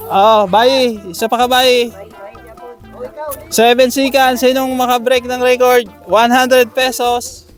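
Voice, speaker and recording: A man hosting games for schoolchildren outdoors, coaxing and counting down with animated energy. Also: very high-pitched, takes it slowly, faint music behind. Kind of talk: lively outdoor game hosting.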